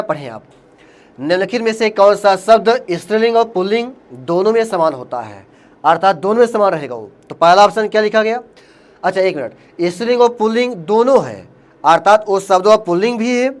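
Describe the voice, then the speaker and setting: A man's voice: high voice, animated, a little fast. A man from Uttar Pradesh teaching Hindi grammar for an exam, speaking with a Hindi accent. He keeps asking quiz questions and then answers them himself. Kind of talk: exam-prep lesson.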